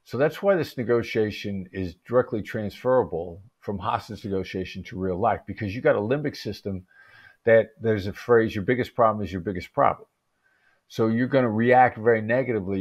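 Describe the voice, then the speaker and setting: A man as an interview guest, explaining calmly and in measured terms, with occasional restarts. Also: on the low side. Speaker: interview guest, negotiation expert.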